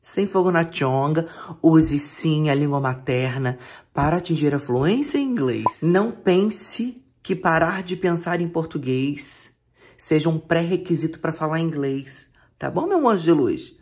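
A man's voice: a little high, lively intonation, unhurried, a little mellow. A man with a Brazilian accent giving a casual, playful English lesson, repeating phrases and switching between Portuguese and English. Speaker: English teacher.

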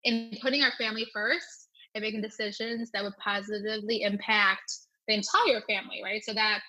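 A woman's voice: mid-range voice, level tone, fairly quick, sharp tone, rough recording. A young woman who grew up with Thai as her first language, speaking earnestly as a guest in an interview and often checking in with "right?". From United States. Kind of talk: reflective personal interview answer.

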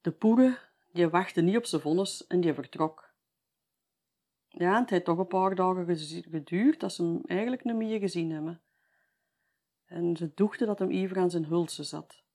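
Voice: medium pitch, normal speed, a little mellow. A storyteller with a Flemish accent, telling a local tale in a chatty, folksy way, often adding a tag at the end of sentences.

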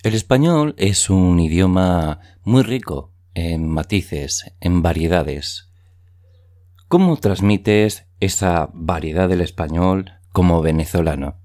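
A man interviewing a guest, asking his questions slowly and deliberately. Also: sits low, warm tone.

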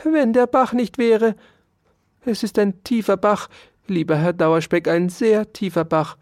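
A storyteller voicing a poor, self-pitying female field mouse who pleads and wails in a very high, strained voice. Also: a little slow, darkish tone, no echo, studio quality, close to an everyday voice. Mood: wailing.

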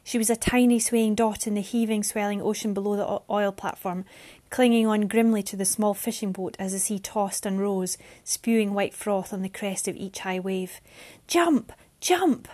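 A woman reads a novel chapter aloud in a mid-pitched voice. Her narration is steady and expressive. She moves through the story at an even pace. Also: normal speed, hardly any pauses. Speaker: reader.

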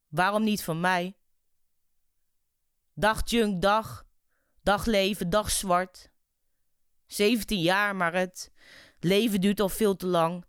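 A woman's voice: medium pitch, clean tone, dry recording, clean studio sound. A woman with a Dutch accent, a poet guest performing an intense, rhythmic spoken word piece with repeated refrains.

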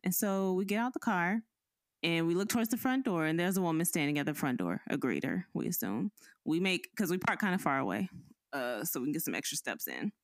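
A woman's voice: fairly low pitch, a little fast, no echo. A woman cohosting a podcast, telling a story in casual chat and acting out the people in it. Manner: animated, acts out the people in the story.

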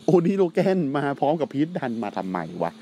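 A man's voice: mid-range voice, sing-song, a little fast, warm tone. A man co-hosting a casual wrestling chat, speaking in a blunt, slangy and profane way. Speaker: podcast co-host.

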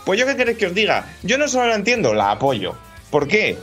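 Spanish guy hosting a stream podcast, jokey and animated, voice bounces all over. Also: sits high, quick pace, soft background music. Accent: Spain Spanish. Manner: joking, animated, with frequent laughs. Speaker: host. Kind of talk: casual live-stream podcast chat.

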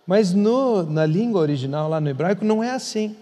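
A man's voice: high voice, expressive, fairly quick, dark tone. A man who is a pastor, teaching in an earnest conversational way and repeating words for emphasis. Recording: long hall reverb.

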